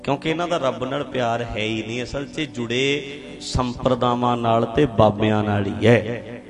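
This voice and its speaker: A man's voice: mid-range voice, steady tone, normal speed, soft background music. A man from India giving a public talk on religion, stressing points by repeating phrases and putting questions to the audience. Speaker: speaker addressing an audience.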